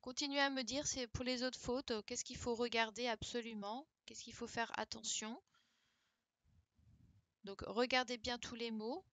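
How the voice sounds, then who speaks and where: A woman teacher correcting a dictation live for her pupils, patient and encouraging, reading words out slowly. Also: on the high side, fairly even intonation, fairly bright tone, no echo. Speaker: primary school teacher.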